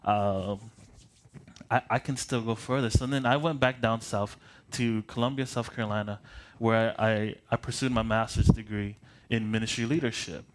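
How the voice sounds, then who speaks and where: Background noise accompanies a late-20s pastor from Michigan as he leads a prayer and then introduces himself as a preacher. He talks at normal speed in a fairly low, steady voice, casual and self-deprecating, restarting phrases and chuckling while pacing.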